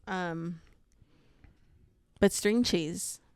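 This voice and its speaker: A woman's voice: fairly low pitch, steady tone, extremely slow, smooth, no echo, clean studio sound. A young woman co-hosting a casual chat, laughing often and swearing easily. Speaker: podcast co-host.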